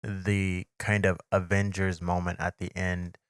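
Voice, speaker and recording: A man co-hosting a casual podcast, speaking in a measured, agreeable way and thinking aloud. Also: deep voice, flat delivery, clean tone, no echo, clean studio sound. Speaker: podcast co-host. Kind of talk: casual chat. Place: home studio. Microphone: desk mic on a live stream.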